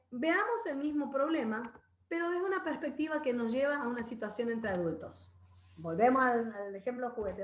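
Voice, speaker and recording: A woman's voice: fairly high pitch, roomy sound. A woman leading a parenting Bible class in a conversational way, often checking in with her listeners and acting out children's voices. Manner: conversational, tags phrases with "¿verdad?"; acts out children's voices in quotes. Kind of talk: informal Bible parenting talk.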